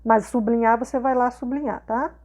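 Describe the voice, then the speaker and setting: High-voiced Brazilian woman teacher. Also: fairly even intonation, moderate pace, darkish tone. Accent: Brazilian Portuguese, not southern. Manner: patient, repeats questions with frequent "né?" and "tá?". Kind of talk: explanatory video lesson.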